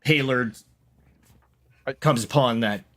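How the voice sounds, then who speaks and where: Slow, deliberate man narrating as game master. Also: mid-range voice, a bit bright. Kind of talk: tabletop role-playing game narration.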